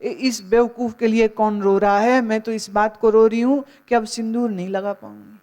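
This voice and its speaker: A woman's voice: fairly even intonation, a little mellow, close to an everyday voice. A woman doing a vain, mocking wife. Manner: brisk, higher-pitched mocking storyteller voice. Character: vain wife mourning only her lost adornment.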